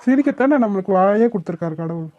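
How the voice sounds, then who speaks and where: Woman for a cheeky joker college guy, quick and mocking, muffled recording. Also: medium pitch, lively intonation, crowd noise, close to an everyday voice. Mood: cheery. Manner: teasing, giggly and fast. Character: cheeky young male college student, teasing joker. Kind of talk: cartoon voice acting.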